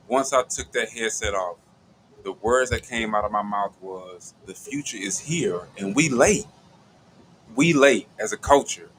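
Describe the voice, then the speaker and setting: A man's voice: on the low side, bright, forceful tone, a little hiss or hum, low-quality recording. A man hosting a casual radio talk show, laid-back and conversational, who often checks in with his listener. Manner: laid-back, conversational, often says "you feel what I'm saying". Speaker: show host. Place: radio studio.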